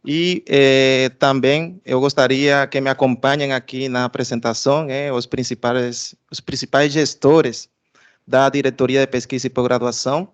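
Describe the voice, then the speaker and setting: A man's voice: medium pitch, fairly even intonation, moderate pace, smooth, highs cut off. A man from Cuba with a Cuban Spanish accent, a research director giving a formal institutional presentation, hesitating often with filler sounds and restarts.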